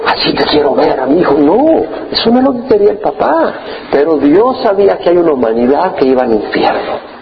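Animated male pastor preaching, lo-fi. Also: on the high side, slight background noise. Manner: animated, acts out quoted voices. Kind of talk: sermon.

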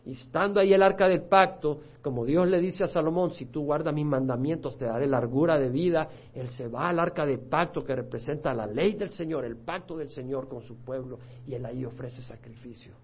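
A pastor preaching a Bible study, his fairly high man's voice swinging from loud, excited retelling to quiet, earnest teaching. The recording is dull and lo-fi, with muffled highs. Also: a little fast, few pauses, slightly rough. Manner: animated storytelling, rising loud for quoted voices, dropping soft for teaching points.

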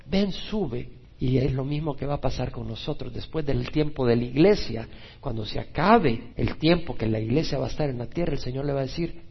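A man preaching a Bible-teaching sermon as a pastor, often rising to loud, emphatic exclamations. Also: medium pitch, creaky, breathy edge, highs cut off.

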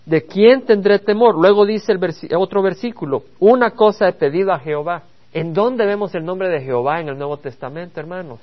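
A man's voice: high-pitched, brisk, dull audio. A man preaching a Bible study sermon, earnest and addressing the congregation with rhetorical questions. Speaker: pastor.

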